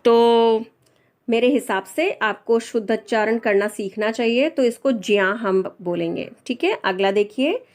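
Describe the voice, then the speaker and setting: A woman gives a slow, step-by-step lesson on pronunciation. Her voice sits a little high, and she patiently repeats and stresses each sound to set it right. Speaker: Hindi language teacher.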